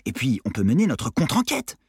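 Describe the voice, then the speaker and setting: A man reading an audiobook, voicing a restless, foul-mouthed teenage boy with crude slang and a pushy, excitable way of talking. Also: medium pitch, fairly quick, slightly rough, dry recording, studio quality, pitched above the performer's own voice, full character voice. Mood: scheming.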